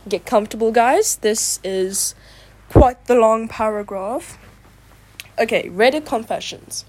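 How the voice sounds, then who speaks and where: A woman's voice: a little high, slow pace, long pauses. A woman reading online confessions aloud and breaking off into chatty, reactive asides full of "like". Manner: chatty, filler-heavy talk with frequent "like"; animated, reactive asides between read passages. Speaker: video creator.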